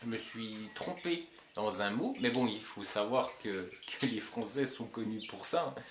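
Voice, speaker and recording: A man's voice: on the low side, unhurried, echoey room, background noise. A French man hosting his channel, talking bluntly and emphatically, with frequent restarts and short chuckles. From France. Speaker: channel host. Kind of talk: casual direct-to-camera talk.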